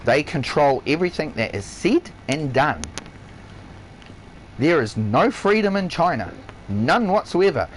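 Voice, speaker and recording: A man's voice: on the high side, sing-song, measured pace, a little hiss or hum, rough recording. A man who works as a chef, ranting on a live stream in a blunt, heavily profane, emphatic way. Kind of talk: ranting livestream monologue. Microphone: console headset or stream mic.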